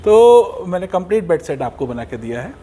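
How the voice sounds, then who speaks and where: An Indian man presenting an offer as a company representative in a conversational, emphatic sales pitch, repeating his key points. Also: big pitch swings, normal speed, dark tone. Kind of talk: sales pitch in conversation, mixing Hindi and English.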